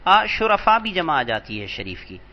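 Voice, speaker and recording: A man teaching an Arabic grammar lesson, patient and slow, repeating each word for emphasis. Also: a little high, big pitch swings, muffled recording. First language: Urdu. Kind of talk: lecture explaining vocabulary.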